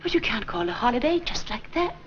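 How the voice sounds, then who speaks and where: An actress playing a dutiful nun who runs a parish school, born in Sweden and raised in Minnesota, speaking in a prim, brisk way. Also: female voice, fairly high pitch, very animated, fairly bright tone. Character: proper, dutiful female nun running a school. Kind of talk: 1940s film acting. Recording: dull, slightly hissy 1940s film soundtrack.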